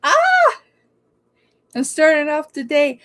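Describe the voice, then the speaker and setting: Female live-stream tarot host, relaxed and slow, casual chat with frequent laughs. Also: mid-range voice. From Oregon. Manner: chatty, greets viewers by name, laughs often.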